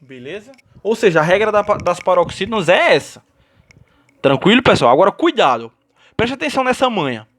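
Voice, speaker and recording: Brazilian guy teaching grammar, kinda high voice, keeps asking "right?" as he goes. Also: big pitch swings, brisk, a bit bright. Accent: Brazilian Portuguese. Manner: explains step by step, checks in with "certo?" and "beleza?". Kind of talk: grammar lesson.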